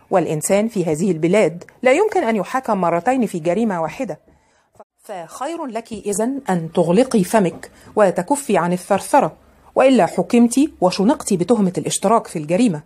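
A woman's voice: medium pitch, expressive, quick pace, mellow, breathy edge. A woman voicing a cruel, mocking young man who speaks harshly and threatens. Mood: threatening.

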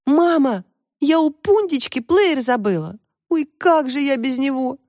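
A woman voicing an excitable, dramatic teenage girl who pesters and squeals up high in an audiobook. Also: dry recording, clean studio sound. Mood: pestering. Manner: quick, insistent, squealing up high. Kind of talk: audiobook character voice.

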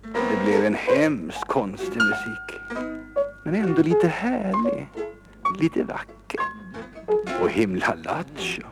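A man reading a children's story aloud, lively and expressive, sometimes dropping to a whisper. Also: medium pitch. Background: instrumental music.

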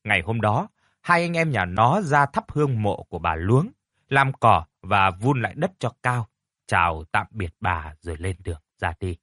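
A man narrating a folk story in an expressive, measured way. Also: lowish voice, no room sound, clean studio sound.

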